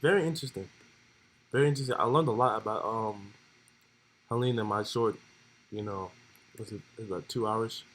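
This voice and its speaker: A man's voice: on the low side, fairly quick, long pauses, a bit bright, low-quality recording. A young man streaming, laid-back and joking as he reads role-play text aloud in casual commentary.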